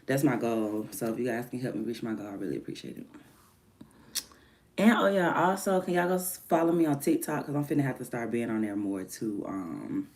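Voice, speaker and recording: A livestreamer and music artist rambles fairly quickly in a casual morning stream from home. Having just woken, she sounds deeper than usual, drifting between hushed murmurs and livelier bursts.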